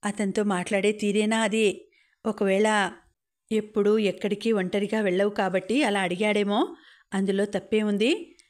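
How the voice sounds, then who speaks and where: A tired, ailing old mother scolds her daughter in weary, sighing complaints, as a woman reads her part in an audiobook. The voice sits in a middle register and stays flat in its melody. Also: mid-range voice, normal speed, natural voice. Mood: scolding. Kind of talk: audiobook novel reading.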